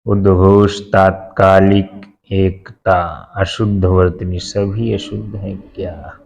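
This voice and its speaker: A low-pitched man works through exam questions at an unhurried pace and repeats each answer to make sure it sticks. His tone is dark and mellow, with almost no rise or fall in his voice. The recording is dull and lo-fi. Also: little pitch movement, gravelly, a little hiss or hum. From India. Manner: slow and methodical, repeats each answer word for word. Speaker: teacher. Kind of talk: exam-prep lesson, reading out questions and answers.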